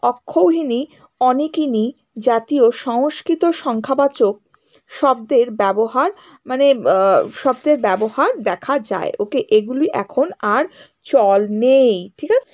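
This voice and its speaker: A woman's voice: high voice, lively intonation, a little slow. Woman teacher patiently explaining grammar. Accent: West Bengal Bengali. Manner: explains step by step, often checks "ঠিক আছে?" and "okay"; mixes English words into Bengali. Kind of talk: grammar lesson for schoolchildren. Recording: dull lo-fi sound.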